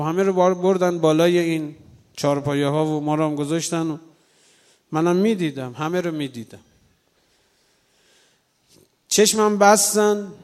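Fervent high-voiced male preacher. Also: darkish tone. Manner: fervent, drawn-out pleading invocations; addresses listeners directly. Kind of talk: emotional sermon with storytelling and prayer.

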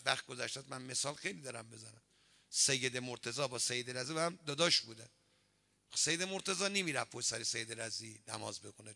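A man preaching a sermon, telling stories and acting out the quoted dialogue in an animated way. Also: medium pitch, vocal fry. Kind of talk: sermon with storytelling.

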